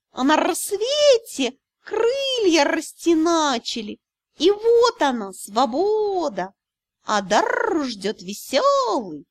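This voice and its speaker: A woman's voice: sits high, no echo, pitched above the performer's own voice, exaggerated voice. A woman voicing a smug, lazy male cat who is a dragon spirit, drawling and purring as he teases. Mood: drawling sly. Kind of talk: audiobook character voice.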